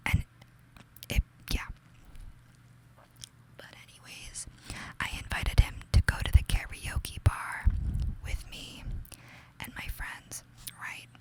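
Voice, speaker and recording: This young adult ASMR creator has a New York accent and whispers her gossipy, casual story slowly, with long pauses, over poor audio. She is confiding and chatty and frequently says "like".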